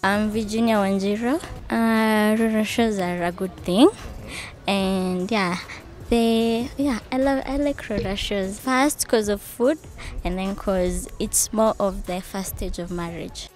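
A woman's voice: mid-range voice, slow pace, darkish tone, faint music behind. A young woman giving cheerful, short answers in a street interview outdoors into a handheld mic. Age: young adult.

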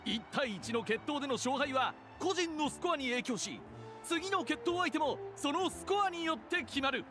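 A man's voice: extremely high pitch, lively intonation, normal speed. An actor playing a rousing male tournament announcer in a video game, with music behind him. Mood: ceremonial. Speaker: arena announcer. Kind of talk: game event commentary.

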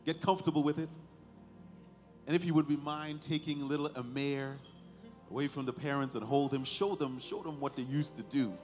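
In a steady, darkish tone at medium pitch, the pastor delivers a sermon and ceremonial address at a baby dedication for the family and congregation. His phrases are short and deliberate, punctuated by emphatic stresses and rhetorical questions, inside a large sanctuary with hall reverb and faint music.

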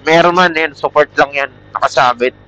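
Through a muffled, band-limited Bluetooth helmet intercom mic comes a man with a Filipino accent, talking at a moderate pace in a sharp, somewhat high voice. He's a motovlogger riding outdoors at night, rambling casually and working in a product pitch.

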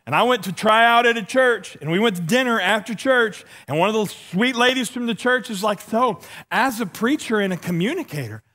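A middle-aged man with a lisp, a pastor, walks and gestures on a church stage during a humorous sermon, acting out dialogue in self-deprecating tales. His high, expressive voice comes out brisk, pushed and bright, with hardly any pauses.

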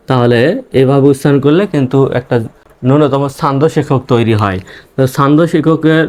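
A man teaching English reading, spelling words letter by letter and sounding out each syllable slowly. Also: mid-range voice, darkish tone. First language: Bengali. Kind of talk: spelling-out pronunciation lesson.

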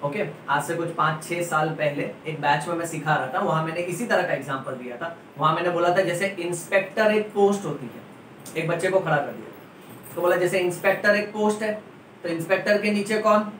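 A male biology teacher giving a playful lecture to students, repeating key terms slowly. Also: a little high, a bit bright, a little hiss or hum. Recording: echoey room, mic at a distance.

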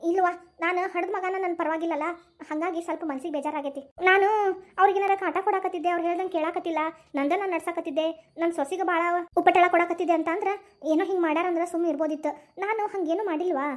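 Voicing a grief-stricken elderly mother-in-law for a cartoon, a woman speaks fast at an extremely high pitch with a steady tone. The delivery is sorrowful and plaintive, a lamenting piece of dialect storytelling in North Karnataka's Dharwad Kannada accent.

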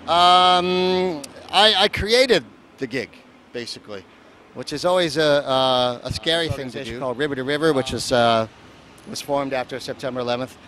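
Outdoors at a seaport, with faint street noise and traffic behind him, a festival producer gives a casual street interview. His medium-pitched voice has a sharp tone and a moderate pace. He rambles and jokes, using lots of fillers.

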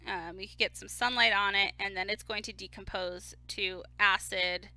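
A woman's voice: medium pitch, steady tone, normal speed, sharp tone, no echo. A woman lecturing on chemistry in a casual, step-by-step way with frequent fillers. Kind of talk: recorded lecture.

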